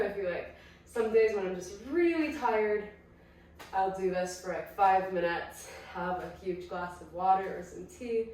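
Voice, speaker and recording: A woman with a croaky voice from illness leads a chatty, encouraging guided exercise class at home. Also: fairly low pitch, darkish tone, a little hiss or hum. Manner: chatty, encouraging, self-correcting. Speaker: pilates instructor. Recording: very echoey room, distant mic, faint ambience.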